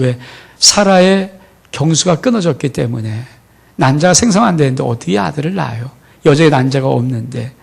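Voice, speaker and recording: A male pastor preaching a sermon in a dramatic way, swinging between loud outbursts and hushed words. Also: on the high side, creaky.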